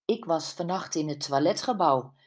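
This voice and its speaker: A woman voicing an eager, nosy middle-aged amateur sleuth who fires excited questions. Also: mid-range voice, unhurried.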